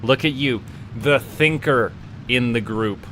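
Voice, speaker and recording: Slow and forceful, this man's mid-range voice has a bright edge, with a little noise behind it. He's a Canadian VTuber chatting casually with viewers during a game stream, rambling and tripping over words he repeats.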